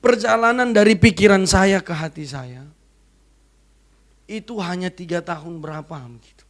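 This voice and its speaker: A woman evangelist giving an emotional sermon testimony to a church congregation, swinging from loud to hushed. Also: fairly low pitch, normal speed. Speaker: evangelist preacher. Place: church service.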